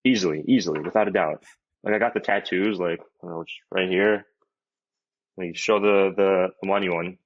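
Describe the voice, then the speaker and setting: A man's voice: low-pitched, moderate pace. A man in his twenties, a hockey player guest, chatting in a laid-back, rambling way full of "like" and "you know". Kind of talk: casual interview chat. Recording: dull, lo-fi audio.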